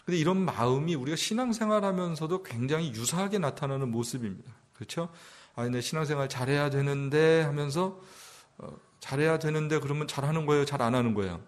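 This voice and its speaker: Korean pastor preaching conversationally. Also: male voice, on the high side, fast talker. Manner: conversational preaching with rhetorical questions to the congregation; rises to emphatic, louder passages. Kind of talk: sermon.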